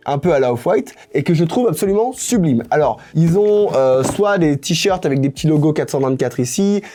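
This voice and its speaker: A man's voice: on the high side, lively intonation, moderate pace, warm tone, slight background noise. A young man talking casually in an unscripted vlog about his sneaker collection, enthusiastic and chatty, dropping English slang into his speech. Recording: music playing faintly behind.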